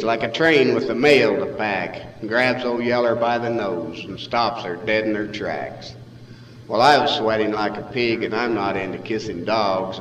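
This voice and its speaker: Echoey cowboy poet, American West drawl. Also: male voice, mid-range voice, dull audio. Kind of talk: reciting rhymed cowboy poetry as live storytelling. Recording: echoey hall from far off, faint noise.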